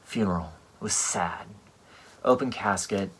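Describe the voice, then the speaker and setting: A composer telling a personal story in a rambling, halting way, full of fillers. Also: male voice, low voice, slight background noise. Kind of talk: casual storytelling monologue. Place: home livestream at a piano.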